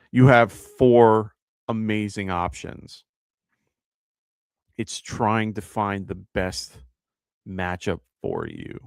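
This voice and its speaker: A man with a New York accent talks in a relaxed, rambling way, stopping often on "uh" and "um" as he works through his picks out loud. His voice sits low with a gravelly edge, yet it stays smooth and full. The sound is close and dry, with almost no room around it. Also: dry recording. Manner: casual and conversational, thinking aloud with many fillers. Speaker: fantasy football show host. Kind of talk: live-stream chat answering viewer questions.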